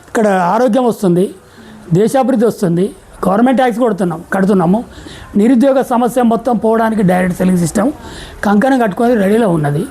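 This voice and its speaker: A woman's voice: on the high side, dark tone, low-quality recording. A middle-aged woman with a Telangana Telugu accent giving a motivational sales seminar talk, firing rhetorical questions and acting out little dialogues.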